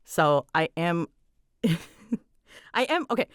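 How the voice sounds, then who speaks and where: An ASMR audio creator and voice performer chats in a casual, rambling Q&A, dramatic, scattered, and self-deprecating, her voice swooping up and down. It's on the low side, very animated and smooth, with drawn-out words. She's recorded close on a mic in a small closet, with no echo.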